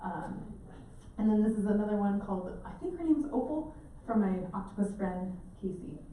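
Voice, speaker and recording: A woman giving a talk to a live audience, telling animated stories and acting out the voices in them. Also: medium pitch, normal speed, slight background noise. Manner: animated, acts out quotes with laughter. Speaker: presenter giving an octopus talk. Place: indoor event space with audience. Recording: echoey room, mic from a distance, faint ambience.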